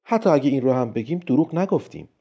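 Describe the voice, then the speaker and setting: A man voicing a calm, friendly male robotics expert who patiently reasons his case, in a storybook reading. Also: medium pitch, husky. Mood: calm persuading. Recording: dull lo-fi recording.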